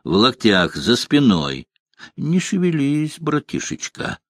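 A man voicing a gruff, stern male monster hunter who speaks curtly and commandingly. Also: mid-range voice, huge pitch swings, takes it slowly, no echo, clean studio sound, voice pushed up, heavily acted. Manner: curt, commanding.

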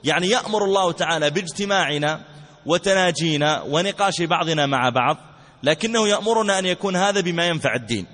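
A man's voice: fairly high pitch, lively intonation, fast, fairly bright tone. A man giving a religious lesson, telling stories animatedly with colloquial asides. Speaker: preacher. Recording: long hall reverb.

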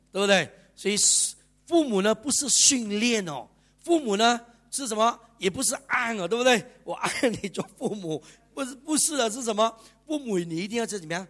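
High-voiced pastor preaching. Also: male voice. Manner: keeps asking the congregation rhetorical questions; lively, chatty preaching with bursts of laughter. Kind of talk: sermon. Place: church service.

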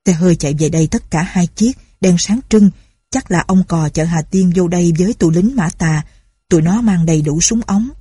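A woman voicing nervous young bandit henchmen who talk in hushed, worried tones. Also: on the low side, moderate pace, breathy edge, dry recording, clean studio sound.

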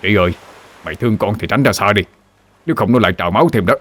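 A man's voice: on the low side, racing, fairly bright tone. A man voicing an urgent, commanding old village man.

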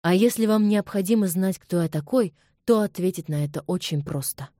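Lady reading as a suave scottish gentleman, soft velvety low voice, dark tone, calm and a bit menacing. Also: brisk, no echo, studio quality, lightly acted. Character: suave, dangerous young Scottish gentleman suitor.

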